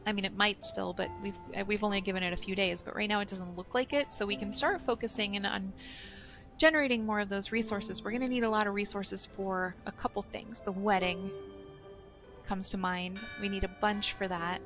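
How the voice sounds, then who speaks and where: A woman's voice: mid-range voice, fairly even intonation, fairly quick, over music. A young woman hosting a let's play, chatting casually and thinking aloud as she plays. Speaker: gaming channel host.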